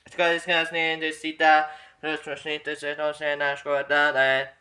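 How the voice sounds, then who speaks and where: A man commenting casually on an old TV recording for his channel, rambling and halting and often repeating himself. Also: fairly high pitch, monotone, pushed and bright, smooth. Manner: halting, repetitive, trailing off.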